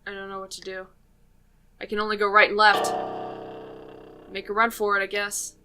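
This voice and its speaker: A woman hosting a let's play, giving playful, chatty gameplay commentary that drops to low mutters while she puzzles things out. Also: completely flat delivery, moderate pace, sharp tone. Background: game music.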